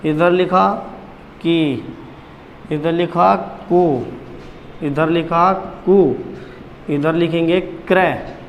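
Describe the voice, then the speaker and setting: Man teaching slowly in an echoey room. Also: a little high, slight background noise. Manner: repeats key points and quizzes the class with questions. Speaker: Hindi grammar teacher. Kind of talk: blackboard lesson.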